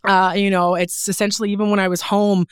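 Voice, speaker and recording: A Newfoundland woman with a Canadian accent, a fashion photographer and creative director, is a guest in a casual studio chat interview. She talks fast, candidly and emphatically, with a medium-pitched voice, flat delivery and clean tone. The recording is dry.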